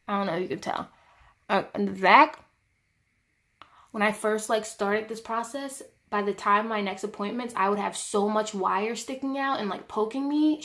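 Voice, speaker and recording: A young woman talks straight to the camera in a casual vlog, venting with open exasperation. Her voice sits in an ordinary middle pitch for a woman. She keeps dropping "like" into her sentences as she tells the story. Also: fairly bright tone. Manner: frustrated, exasperated retelling; heavy use of "like" as filler. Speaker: vlogger.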